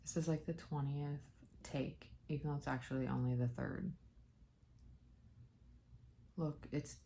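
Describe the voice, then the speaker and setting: Low gravelly woman muttering to herself. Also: fairly even intonation, moderate pace, dark tone, slight background noise. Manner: scattered, self-deprecating, muttering to herself. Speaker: vlogger. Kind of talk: casual rambling vlog. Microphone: camera on a tripod.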